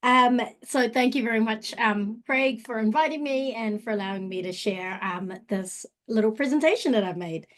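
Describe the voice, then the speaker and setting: A woman's voice: a little high, normal speed, few pauses. Malaysian-born woman presenting a webinar. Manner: relaxed, many fillers, mixes in te reo Māori phrases. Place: home in Auckland. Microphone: video call.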